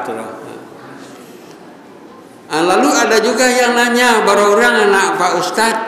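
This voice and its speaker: A man's voice: sits high, fairly bright tone. Older male preacher in an echoey mosque. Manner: chants Arabic verses, then jokes with the congregation. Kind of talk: Ramadan evening sermon. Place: large mosque hall. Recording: echoey mosque hall, faint ambience.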